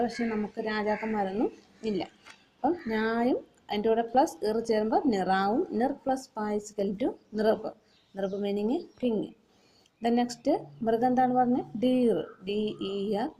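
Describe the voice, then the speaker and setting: A woman teacher with a Malayali accent giving a recorded online lesson for young children, slowly explaining and repeating words and spellings for them to copy. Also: mid-range voice, dark tone, a little hiss or hum. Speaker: primary school Hindi teacher.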